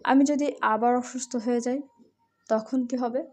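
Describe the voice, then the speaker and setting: A woman voicing a playful, affectionate young wife who is quick to sulk, in a romantic audio story. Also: fairly high pitch, steady tone, a little mellow, natural voice. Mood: romantic, tender.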